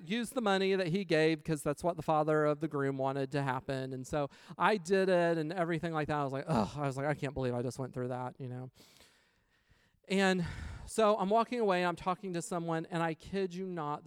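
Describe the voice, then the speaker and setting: A man tells a personal story in a relaxed sermon style, acting out the voices of the people he quotes. His voice sits a bit high and rings clean and smooth. The sound is dry and close, with no room echo. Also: fairly quick. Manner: animated storyteller, acts out quotes. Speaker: preacher sharing a testimony.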